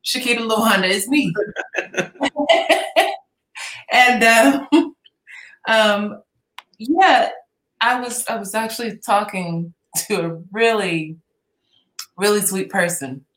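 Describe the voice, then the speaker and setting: A woman's voice: medium pitch, slow, pauses often, fairly bright tone, roomy sound, rough recording. A woman being interviewed as a guest, speaking candidly and laughing easily about personal matters. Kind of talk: casual chat.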